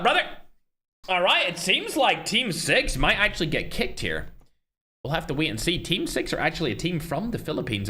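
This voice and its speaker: Animated streamer man hosting a live tournament. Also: medium pitch. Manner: casual, chatty, shouts out viewers. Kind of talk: live-stream commentary and chat.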